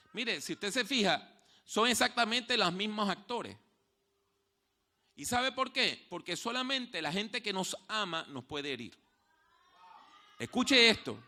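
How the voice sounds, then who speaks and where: High, sharp-voiced preacher telling stories. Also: male voice. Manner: storytelling preacher, swings from hushed to loud; repeats key phrases slowly for emphasis. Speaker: pastor. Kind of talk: sermon. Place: church.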